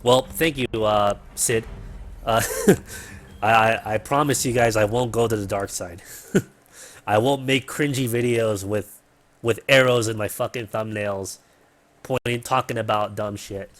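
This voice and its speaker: This man's voice is on the low side and fairly bright, and he talks a little slowly as he hosts a gaming stream from his apartment. He chats loosely with fillers and an occasional swear, his cheap microphone right up near his mouth.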